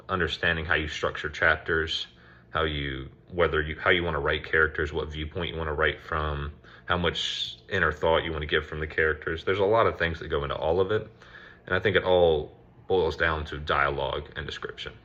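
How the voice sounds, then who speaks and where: A man's voice: low voice, bright, forceful tone, lo-fi sound. A man vlogging about his writing in a casual, earnest way, restarting his sentences and sounding a little out of breath. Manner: rambling, self-correcting, earnest. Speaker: writer and vlogger. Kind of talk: casual talk to camera.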